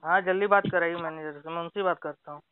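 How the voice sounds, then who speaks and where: A man argues insistently over a tinny phone line, pressing his point and refusing to back down. He talks very fast, and a crowd murmurs behind him. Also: a little high, fairly even intonation. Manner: argumentative, insistent. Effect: heard over a phone line. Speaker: borrower on a phone call. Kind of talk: heated phone call.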